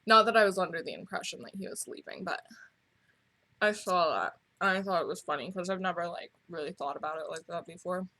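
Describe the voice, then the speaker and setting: A young woman co-hosting a relaxed chat, rambling as she recaps. Her voice sits a little low, and she pokes fun at herself. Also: brisk. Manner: chatty, rambling, self-deprecating. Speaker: co-host. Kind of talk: casual chat.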